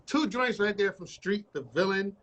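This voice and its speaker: High-voiced, loose-talking radio host. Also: male voice, normal speed, a loud crowd. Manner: loose, joking, rambling with cursing. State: frog in his throat. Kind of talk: casual radio interview chat. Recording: muffled livestream audio.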